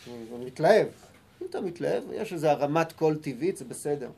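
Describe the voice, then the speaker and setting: A man giving a Torah lesson, who reads sources slowly and calmly and acts out heated arguments in sudden loud bursts. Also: a little high, vocal fry, breathy edge. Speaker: Torah teacher.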